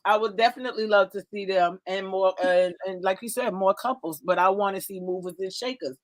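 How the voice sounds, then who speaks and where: An older woman, co-hosting a casual chat and telling animated, laughing stories. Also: mid-range voice, brisk. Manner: animated storyteller, laughing and acting out voices. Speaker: co-host.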